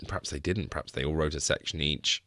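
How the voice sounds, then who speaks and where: A man's voice: rumbling low, fast talker, bright, forceful tone, no echo, clean studio sound. A man chatting as a guest on a film podcast, wry and apologetic, often chuckling. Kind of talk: casual podcast chat.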